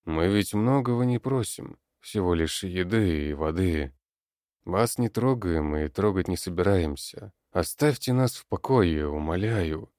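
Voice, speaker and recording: A man's voice: low voice, animated, unhurried, darkish tone, no room sound, clean studio sound. A man voicing an old man who pleads earnestly, in an audiobook. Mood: pleading.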